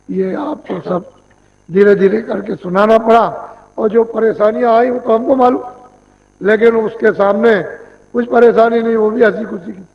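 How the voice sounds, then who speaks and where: Guy preaching, high voice, muffled old tape sound, keeps repeating simple instructions. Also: vocal fry. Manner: plain, repetitive instructing. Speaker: spiritual teacher. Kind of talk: devotional sermon. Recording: dull lo-fi 1990s tape recording.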